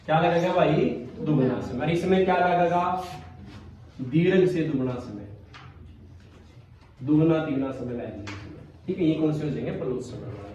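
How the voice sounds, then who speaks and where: A man's voice: fairly high pitch, unhurried, pauses often, dark tone, lo-fi sound. A man teaching a grammar class, quizzing students and repeating his questions. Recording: echoey classroom, from far off.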